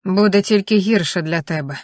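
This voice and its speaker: A woman's voice: on the low side, normal speed, a little mellow, no room sound, close to an everyday voice. Male kidnapper, read by a woman, blunt, scornful, audiobook, dry close sound. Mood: curt, scornful. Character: gruff male kidnapper guarding a captive.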